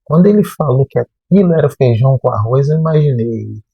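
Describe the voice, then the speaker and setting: A man, a math teacher telling a personal story in a lively way and acting out remembered dialogue. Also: medium pitch, fairly quick, gravelly, husky, no room sound, lo-fi sound. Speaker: math teacher and channel host.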